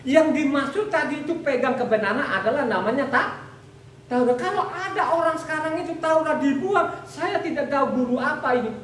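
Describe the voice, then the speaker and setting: A woman's voice: sits high, animated, fairly quick, slight background noise. A woman preaching a sermon in a repetitive, conversational way, often calling out to the congregation. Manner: repetitive, addresses the congregation as "saudara". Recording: echoey room, mic far off.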